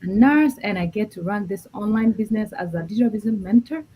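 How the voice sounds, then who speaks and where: A woman from Kenya, a nurse and business mentor, speaking in an unhurried way with fillers. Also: medium pitch, warm tone, slightly rough, low-quality recording. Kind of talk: casual self-introduction.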